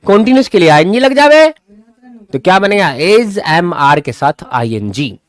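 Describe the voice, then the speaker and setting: A man teaching English grammar in a live online class, talking fast, then slowing right down to spell out English example sentences. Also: high-pitched, very animated.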